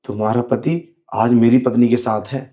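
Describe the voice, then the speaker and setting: A man's voice: medium pitch, fairly even intonation, normal speed, warm tone, muffled recording. A man in a scripted skit, playing a sleazy man who pretends to be blind, talking in a sly, wheedling way. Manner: sly, wheedling, keeps saying "you know". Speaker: actor in a short skit.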